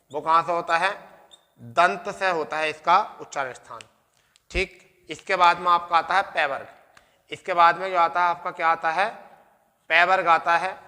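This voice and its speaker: A man's voice: high voice, pushed and bright, in a large hall. A man teaching Hindi grammar in an exam-prep lesson, repeating each question and answering it himself, calling students "beta".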